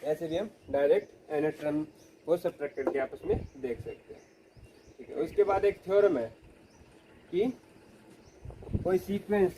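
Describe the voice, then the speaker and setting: A man lecturing on mathematics in a high but mellow voice, walking through each step and putting questions to his students. A faint hiss of noise sits behind him. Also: rough recording. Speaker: math teacher. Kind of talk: classroom lecture.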